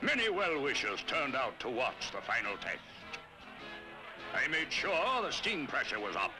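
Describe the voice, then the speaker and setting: A man's voice: medium pitch, very animated, unhurried, low-quality recording. A man voicing a pompous, boastful old cartoon commander, telling tall tales dramatically. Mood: smugly boastful. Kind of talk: cartoon storytelling. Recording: music behind, old cartoon soundtrack.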